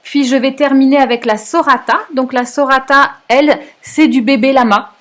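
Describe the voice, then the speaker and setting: A woman's voice: high voice, steady tone, normal speed. A middle-aged woman, hosting a yarn shop's live stream in a chatty way, full of hesitations and self-corrections while she answers viewer comments. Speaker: yarn shop host.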